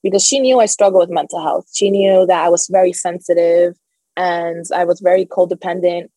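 A woman's voice: lowish voice, fairly even intonation, a little fast, mellow, no room sound, low-quality recording. A young adult woman telling her personal story as an interview guest, open and emotional, with a nervous laugh now and then.

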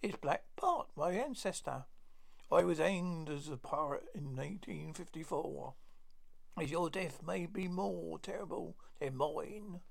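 Man putting on a menacing ghost voice, gravelly pirate phantom. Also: a little high, lively intonation, unhurried, full character voice.

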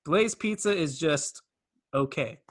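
A man's voice: a little high, lively intonation, slow. A man hosting a casual podcast, announcing matchups and giving blunt opinions. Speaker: podcast host running the bracket.

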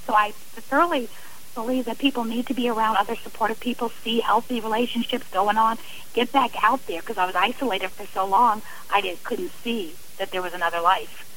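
On a radio interview, a middle-aged woman shares her own story with sincere feeling, repeatedly restarting what she says. Her voice sits on the high side with a fairly bright tone, over slight background noise in a low-quality recording.

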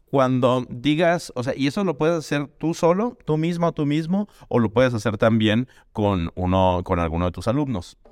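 Guy teaching a music lesson, crisp voice, talks through exercises and chants rhythms. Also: mid-range voice, normal speed, hardly any pauses, a little mellow, no echo, studio quality. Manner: explains with demonstrations, chants rhythm syllables.

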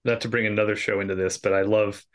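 A man's voice: on the low side, level tone. A man co-hosting a podcast, chatting casually about a TV show, often stalling with "um" and repeated words. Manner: halting, searches for words with "um" and repeats. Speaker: podcast co-host. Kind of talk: casual TV recap chat.

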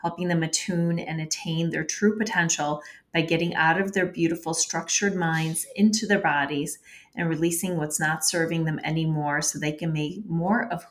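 A woman with a notably low voice reads a prepared podcast introduction. Her delivery is measured and even. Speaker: podcast host. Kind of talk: scripted narration.

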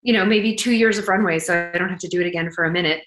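A woman's voice: on the low side, very fast, fairly bright tone. A woman being interviewed as a startup founder, speaking candidly and conversationally in jargon-heavy tech-founder talk. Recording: roomy, echoing sound.

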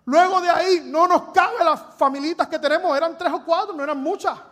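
Middle-aged male pastor, Puerto Rican accent, very high voice, earnest and emphatic sermon. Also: fairly quick, a bit bright. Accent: Puerto Rican Spanish. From Puerto Rico.

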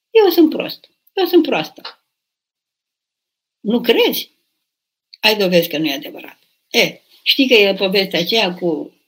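Older abbess woman reading questions and answering, husky voice, pushes hard when she urges. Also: medium pitch, fairly bright tone. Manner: reads questions aloud then answers, urging and emphatic, bursts of raised voice.

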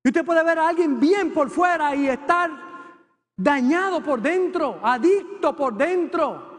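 A man preaching a sermon to his congregation, swinging from fervent appeals to a low, intimate tone. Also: expressive, measured pace. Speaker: pastor. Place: church sanctuary with congregation. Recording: long hall reverb.

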